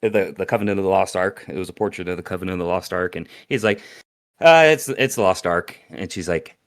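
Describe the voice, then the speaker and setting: A man's voice: low-pitched, fairly even intonation, fast. A man co-hosting a casual movie podcast, laughing often and retelling scenes with animation. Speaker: podcast co-host. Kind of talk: casual movie review chat.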